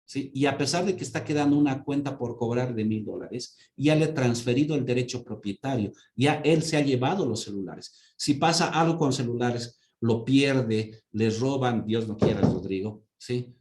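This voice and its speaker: A man's voice: medium pitch, moderate pace, hardly any pauses, a little mellow, reverberant. A man teaching an accounting class, explaining with everyday examples and often checking in with his students. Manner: asks students for confirmation with repeated "¿sí?". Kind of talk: online class lecture.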